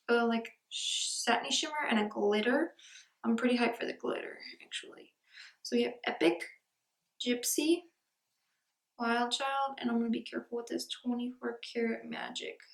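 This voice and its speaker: A woman chatting casually as a beauty vlogger unboxing products. She often drops to a soft near-whisper, and her voice echoes because she is recording in a room without a proper mic. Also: a little high.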